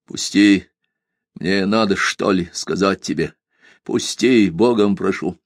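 A man's voice: deep voice, slow, no room sound, clean studio sound, heavily acted. Man voicing a desperate lovesick village lad. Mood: imploring. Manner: urgent, imploring. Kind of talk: audiobook reading.

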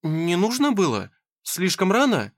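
A man voicing an eager, excitable young woman anxious to please. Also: high-pitched, unhurried, pitched above the performer's own voice, heavily acted. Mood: excited. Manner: bubbly, excitable.

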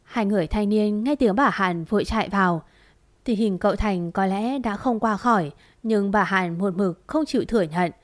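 A woman narrating a dramatic story in a steady, expressive reading voice. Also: mid-range voice, normal speed.

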